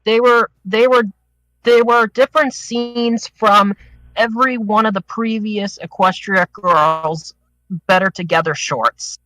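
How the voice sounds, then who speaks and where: A man's voice: high voice, fairly even intonation, a little slow, bright, forceful tone, no echo, rough recording. A man chatting on a group podcast call, a little out of breath and rambling through his points. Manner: rambling, restarts with "the thing is". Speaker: podcast panelist. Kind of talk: casual group discussion.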